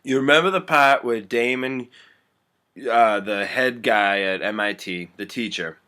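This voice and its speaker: A man's voice: mid-range voice, measured pace, sharp tone, clean tone. A man casually retelling a movie scene his own way, rambling and swearing a lot. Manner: crude, rambling, profane. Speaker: vlogger.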